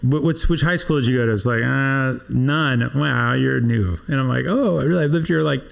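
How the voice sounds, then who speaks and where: A man hosts a casual podcast interview, his voice carrying a gravelly edge. He talks in loose, rambling sentences, restarting often as he chats with his guest. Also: mid-range voice, moderate pace. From Southern California. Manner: chatty, rambling, many restarts. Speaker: podcast host for a trade association.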